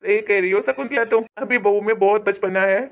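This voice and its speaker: Woman voicing a deep kindly old father-in-law. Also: fairly quick, natural voice. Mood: soothing. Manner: soothing, fatherly. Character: kindly elderly father-in-law, gentle and indulgent. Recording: tinny phone-like sound.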